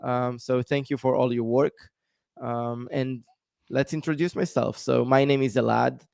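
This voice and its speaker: A man's voice: mid-range voice, fairly even intonation, measured pace, vocal fry, a little mellow, dry recording, studio quality. A man, a guest explaining at length in a live-stream interview with many ums. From Israel. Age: 30s. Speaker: guest, tech founder.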